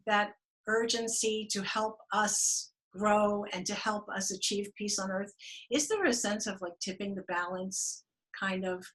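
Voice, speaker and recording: A woman's voice: mid-range voice, measured pace, a bit bright, poor audio. A woman hosting an interview, asking long, searching questions with many fillers and restarts. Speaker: podcast host, life coach. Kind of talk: interview conversation.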